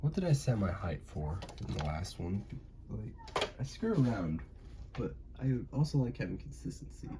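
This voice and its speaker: A man's voice: lowish voice, wildly swooping pitch, normal speed, background noise. A young man with a Southern American accent, rambling and joking to himself while drawing. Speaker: animation channel host. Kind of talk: casual drawing commentary. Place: indoors at home.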